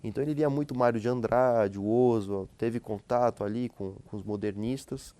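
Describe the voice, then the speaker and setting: A man speaking as a guest sociologist and professor, explaining in a relaxed conversational way, tagging his sentences with questions and often restarting them. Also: medium pitch, moderate pace. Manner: frequent tag questions and hesitant restarts.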